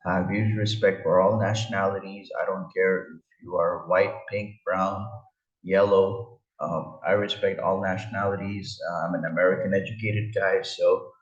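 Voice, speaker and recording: A man's voice: low voice, steady tone, moderate pace, recorded from a distance. A man from India, a travel vlogger, talking hesitantly with many fillers over a slideshow, face not shown. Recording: roomy, dull lo-fi sound.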